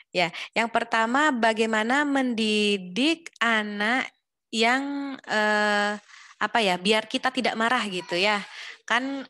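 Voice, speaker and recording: A woman's voice: mid-range voice, bright, forceful tone, a little hiss or hum. A young woman, a psychologist, explaining parenting advice in a live online talk, hesitant and full of fillers. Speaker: psychologist speaker.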